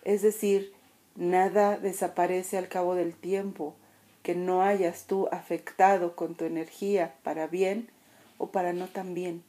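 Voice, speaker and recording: A woman's voice: lowish voice, flat delivery, measured pace, mellow. A woman giving a spiritual motivational talk. She speaks earnestly and directly to the listener, with restarts and repeated words, and acts out everyday voices in her examples.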